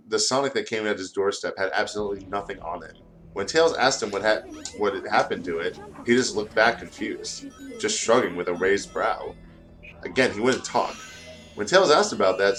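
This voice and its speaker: A tired, sleep-deprived man co-hosts while casually reading fan fiction aloud, tripping over words and tossing in joking asides. His voice is lowish and a bit bright.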